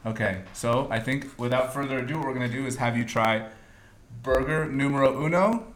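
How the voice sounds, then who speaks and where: A man with a medium-pitched, somewhat bright voice talks a little fast as he runs a blind taste test on his podcast. He jokes in game-show announcer style and chuckles along, with a roomy echo and slight background noise.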